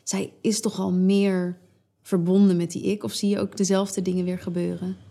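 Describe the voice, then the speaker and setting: A woman hosting a casual conversation, animated and asking probing questions. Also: medium pitch, moderate pace, gravelly.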